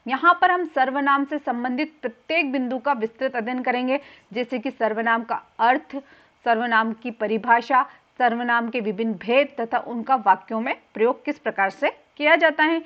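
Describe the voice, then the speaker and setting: A woman's voice: fairly high pitch, moderate pace, muffled recording. A woman teaching a grammar lesson for exam students, explaining each point patiently and repeating key terms, with a few filler sounds.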